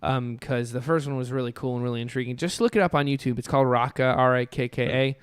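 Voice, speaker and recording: A man's voice: mid-range voice, steady tone, fast, clean tone, no room sound, studio quality. A young man co-hosting a podcast, chatting casually and rambling with enthusiasm through lots of fillers. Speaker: podcast co-host. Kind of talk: casual chat.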